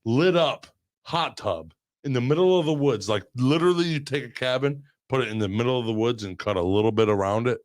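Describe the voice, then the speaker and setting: Animated, foul-mouthed man telling stories. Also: mid-range voice, brisk. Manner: animated storyteller, swearing, loud yelps when acting out scares. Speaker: podcast host. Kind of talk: casual podcast chat.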